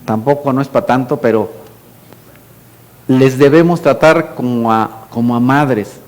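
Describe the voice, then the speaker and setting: A middle-aged man with a Mexican Spanish accent, preaching a sermon as pastor in a conversational way, dropping to a hushed voice for quoted lines. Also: mid-range voice, unhurried.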